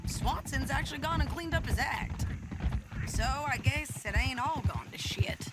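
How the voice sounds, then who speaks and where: An actress playing a bold, plainspoken American outlaw woman in a game, brisk, folksy and wry. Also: high voice. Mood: brisk, confiding. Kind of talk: dramatic game character acting. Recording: loud music over the voice.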